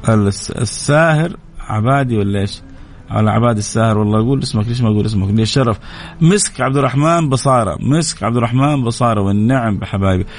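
A man's voice: medium pitch, a little hiss or hum. A male radio host, chatting casually and greeting listeners one after another. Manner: warm greetings, quick lively delivery. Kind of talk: casual live radio chat, reading listener names.

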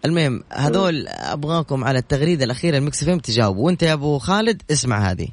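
Fast-talking radio host man. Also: fairly high pitch, big pitch swings, a little hiss or hum. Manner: fast, jokey and teasing with callers. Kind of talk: lively call-in radio chat.

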